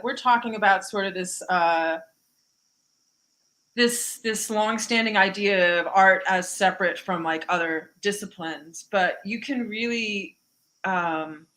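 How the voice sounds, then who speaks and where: Bright-voiced woman podcast host. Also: mid-range voice, unhurried. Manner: reflective, chatty, with fillers. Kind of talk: conversational interview.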